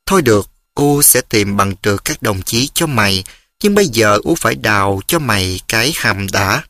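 A man's voice: on the low side, lively intonation, moderate pace, sharp tone, no room sound. Man reading a tearful old village mother, worried, ringing tone, storybook. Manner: tearful, pleading.

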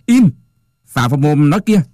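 A man's voice: mid-range voice, lively intonation, normal speed, dark tone, no echo, clean studio sound, lightly acted. A man playing a harsh, domineering district mandarin who barks and scolds. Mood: barking. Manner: barking, scolding.

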